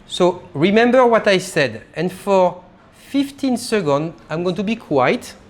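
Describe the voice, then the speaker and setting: A man, a sommelier leading a live champagne tasting class, talking in an animated way and explaining as he demonstrates, recorded in a private tasting room. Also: high voice, measured pace.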